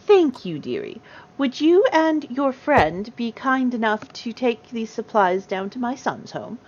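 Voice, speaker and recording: A proper, stubborn grandmother gnome of great age, put on by a woman, speaking with old-fashioned courtesy. Her voice rises and falls in a lively way. The recording sounds dull and lo-fi. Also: on the high side, a little slow, pitched above the performer's own voice. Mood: sweet. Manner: genteel, old-fashioned, calls people dearie. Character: ancient prim grandmother gnome, polite and stubborn.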